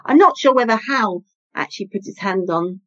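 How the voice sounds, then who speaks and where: A woman's voice: medium pitch, animated, moderate pace, fairly bright tone. A woman chatting casually and hesitantly as a podcast guest, in a giggly conversational style. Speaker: podcast guest, priest in training. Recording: slightly dull, lo-fi sound.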